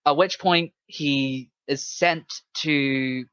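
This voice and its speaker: A man co-hosting a casual chat about video games, retelling things in an animated way and acting out quotes. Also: medium pitch, very slow, smooth, no echo. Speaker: podcast co-host. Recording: dull, muffled lo-fi sound.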